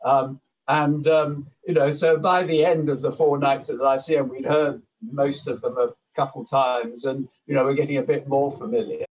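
A man with a husky, mid-pitched voice reminisces as an interviewee. He talks casually and haltingly, full of fillers, and the recording is dull and lo-fi. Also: steady tone, darkish tone. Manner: hesitant, frequent "you know" and ums.

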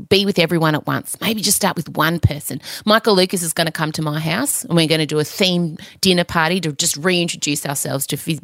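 A woman's voice: lowish voice, dry recording, clean studio sound. A middle-aged woman with an Australian accent hosting a podcast, telling comic personal stories with theatrical, mock-outraged exaggeration. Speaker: podcast host. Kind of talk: comic personal monologue to listeners.

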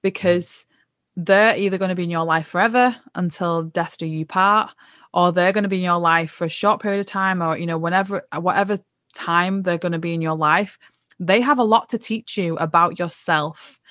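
Female co-host, lower voice, dry room, conversational and spiritual. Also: steady tone, moderate pace, a bit bright, no echo. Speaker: podcast co-host. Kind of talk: casual reflective chat.

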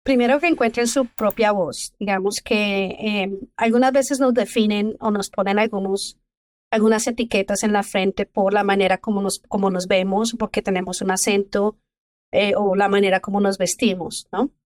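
A middle-aged Colombian woman speaks as a guest in an interview, giving advice in a steady, earnest way. Her voice sits at a moderate pitch. The sound is dry and close, with no room echo. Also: moderate pace. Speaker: medical geneticist, podcast guest. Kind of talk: interview answers.

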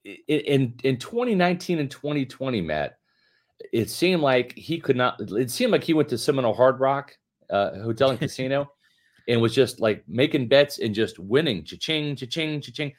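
Joking and emphatic, a fifty-something co-host of a late-night sports podcast delivers an ad in his own phrasing. He speaks in a mid-range voice, animated, at a moderate pace.

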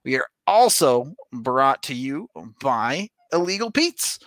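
A man's voice: medium pitch, sing-song, slow pace, a bit bright, no room sound. An American man hosting a sports podcast, chatting informally and reading out sponsor spots in a casual way. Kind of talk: casual sports talk and ad reads.

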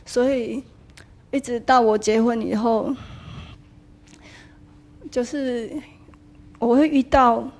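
Higher-voiced Taiwanese woman telling her story. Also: steady tone, takes it slowly, long pauses, a little mellow. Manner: storytelling, slips into Taiwanese Hokkien for quotes. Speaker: attendee asking a spiritual teacher. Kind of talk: personal testimony in a dharma hall.

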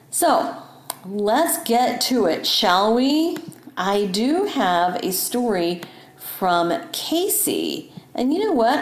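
A woman's voice: medium pitch, darkish tone. A middle-aged woman hosting her podcast in a chatty, rambling way, recorded in a bathroom with an echoey sound. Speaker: podcast host. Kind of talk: casual chat. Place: master bathroom at her parents' house.

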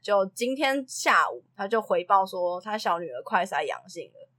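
A woman's voice: medium pitch, moderate pace. A woman, a preschool teacher telling anecdotes in a casual chat and acting out the quotes. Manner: animated storyteller who acts out quotes and laughs often. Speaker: preschool teacher and podcast co-host.

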